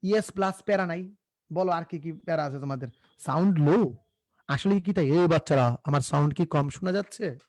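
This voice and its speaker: A young man teaches a live online class, joking and coaxing his students to answer. His voice sits a little high. The recording is close and dry, with no room sound. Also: fairly quick, darkish tone, no echo. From Bangladesh. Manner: casual, joking, repeats himself, coaxes students to answer.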